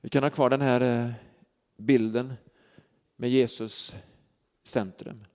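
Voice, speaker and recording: In a church hall with long reverb, a man delivers a sermon, earnestly telling stories with many fillers. His mid-range voice stays steady and has a darkish tone.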